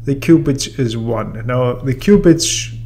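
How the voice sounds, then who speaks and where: A man in his thirties trains viewers on software in a relaxed, explanatory tutorial, walking through the steps slowly at medium pitch with plenty of fillers. It starts in a room with a brick wall and whiteboard, then becomes voice-over on a screen recording.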